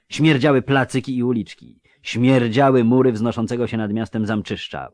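A man's voice: medium pitch, dry recording, clean studio sound. A man narrating a fantasy audiobook in a vivid, rhythmic storytelling manner.

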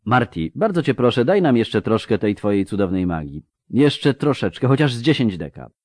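A man voicing a gruff male field surgeon who barks urgent, raised orders mid-operation. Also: medium pitch, sing-song, moderate pace, darkish tone, dry recording, studio quality, pitched above the performer's own voice, lightly acted.

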